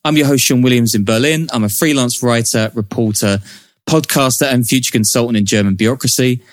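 A man's voice: mid-range voice, brisk, no echo, clean studio sound. A man hosting a podcast, moving between scripted narration and introductions. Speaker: podcast host, journalist.

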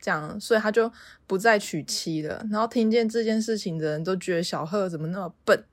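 A woman with a Taiwanese Mandarin accent retells a classic tale on a podcast in a casual, chatty way. She speaks at a mid pitch and fills her sentences with small particles. The recording is dry and close-miked. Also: fairly quick, no echo. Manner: chatty, lots of filler particles. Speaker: podcast host. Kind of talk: casual storytelling.

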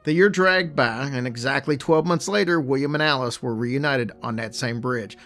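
A man's voice: mid-range voice, moderate pace, fairly bright tone, soft background music. A man co-hosting a podcast, casually telling a ghost story with chatty, joking asides. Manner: chatty, laid-back, jokey asides.

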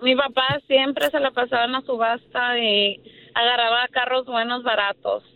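A woman calls in to a radio show, and her voice comes through a tinny, narrow phone line. She sits high in her range and speaks in casual, friendly bits. Her answers stay short and plain. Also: level tone, normal speed, vocal fry. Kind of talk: casual chat on air.

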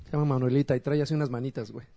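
A man with a Mexican accent co-hosting a podcast, tossing in quick wisecracks. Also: mid-range voice, steady tone, mellow. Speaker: podcast co-host. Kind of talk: casual chat.

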